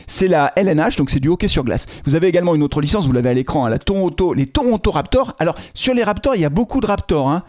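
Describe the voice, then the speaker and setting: A man's voice: a little high, animated, quick pace, few pauses, darkish tone, no room sound, clean studio sound. A man giving a casual explanatory video commentary, chatty and joking, addressing his viewers directly. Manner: frequent fillers and restarts. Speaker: football club video commentator.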